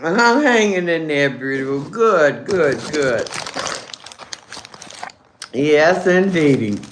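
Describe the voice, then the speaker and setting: A woman's voice: sits low, lively intonation, slow, reverberant, slight background noise. A woman hosting a casual livestream, chatting with viewers over her lunch, calling them baby and honey and humming as she chews. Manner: talks while chewing, hums over food. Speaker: livestream host. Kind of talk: casual live chat while eating lunch.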